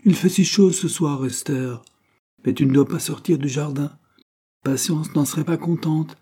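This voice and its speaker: A man's voice: fairly high pitch, normal speed, mellow, husky, pitched above the performer's own voice. A man reading aloud voices a grave, firm woman who looks after a young girl, with a raised voice. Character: stern grown woman minding a young girl.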